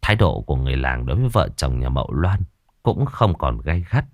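A man narrating a ghost story audiobook in an expressive, dramatic manner. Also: a bass voice, a little fast, no echo.

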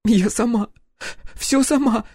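A man's voice: sits high, moderate pace, mellow, no room sound, clean studio sound, voice pushed up. A man doing a sobbing, stammering young woman. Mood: sobbing terror. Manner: stuttering, wailing, pleading. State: crying.

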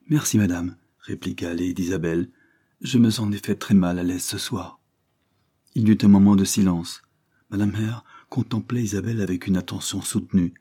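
Guy reading an old novel out loud, low mellow husky voice, measured. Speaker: audiobook narrator. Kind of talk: scripted narration.

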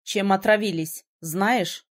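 Brooding male mage, sarcastic but protective, mid-pitched, woman reading. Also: slow pace, close to an everyday voice. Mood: explaining. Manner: teasing, then gruff and commanding. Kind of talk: audiobook character reading.

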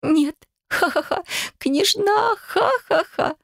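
A woman's voice: normal speed, no room sound, studio quality. A woman voicing a nervous, giggly young female elf in an audiobook. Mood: laughing. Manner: bursts into shrill laughter.

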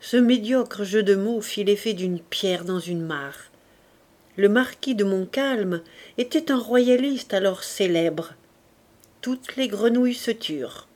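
A woman reading a classic novel aloud as an audiobook, in a measured, careful narration. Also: medium pitch, a little mellow. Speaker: audiobook reader. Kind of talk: literary narration.

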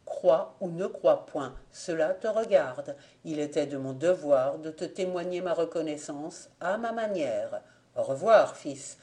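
Sly old blind guy, read by a woman, calm and wry, mellow voice. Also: sits low, measured pace. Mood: ironic. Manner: calm, gently ironic. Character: sly old blind man, wise and ironic.

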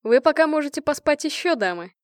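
A woman's voice: sits high, expressive, brisk, no echo, studio quality, pitched above the performer's own voice. A woman voicing a cheerful, helpful young man with friendly banter.

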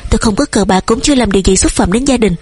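A woman voicing a headstrong young daughter who shouts back, shrill and tearful, with a husky voice. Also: rapid-fire. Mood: defiant.

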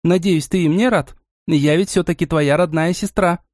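A male narrator voicing a teasing, lively teenage girl, the hero's sister, in an audiobook. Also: a little high, normal speed, no echo, studio quality, voice pushed up, lightly acted. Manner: teasing, bubbly.

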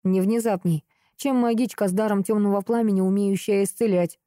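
Cool unbothered princess, teasing, a woman reading her, soft mellow voice. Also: mid-range voice, a little fast, no room sound, clean studio sound, lightly acted. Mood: mocking calm. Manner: calm, mocking. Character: strong calm northern princess, dry and mocking.

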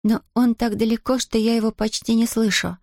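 A woman's voice: a little high, level tone, brisk, darkish tone, no room sound, studio quality, voice pushed up, natural voice. A woman voicing a brave, determined young girl who talks urgently and gives orders. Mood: hushed. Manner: urgent, commanding.

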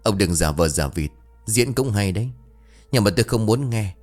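A man's voice: fairly low pitch, expressive, normal speed, a little mellow, soft background music, natural voice. A man voicing a stern, blunt middle-aged businesswoman who speaks curtly. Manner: curt, accusing.

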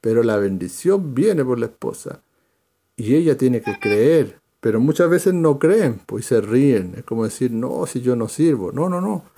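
Guy teaching bible verse by verse, calls on people to read, mellow warm tone. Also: mid-range voice, expressive, moderate pace. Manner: explanatory, directs readers by name.

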